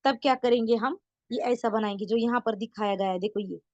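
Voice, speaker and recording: A woman teaching an online beginner Urdu writing lesson, patient, repeating words slowly and often checking that her students follow. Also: a little high, darkish tone, no echo, muffled recording. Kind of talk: online beginner lesson, explaining letters step by step.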